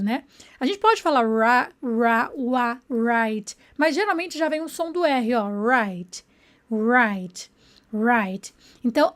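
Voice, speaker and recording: A woman teaching an online English lesson. She often checks in with her students and slows down to model each English word. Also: high voice.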